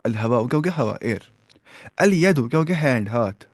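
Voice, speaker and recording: A male teacher leads a beginners' class through new words, asking the students questions and going over each word slowly. His voice sits in a middle range and sounds dry and close, with no room around it. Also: medium pitch, expressive, no room sound. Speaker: Arabic teacher. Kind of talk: classroom lesson.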